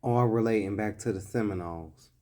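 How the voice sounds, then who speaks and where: A man's voice: on the low side, a little fast, darkish tone. A man giving blunt, emphatic commentary in a vlog, reading old scripture passages and then explaining them in plain talk.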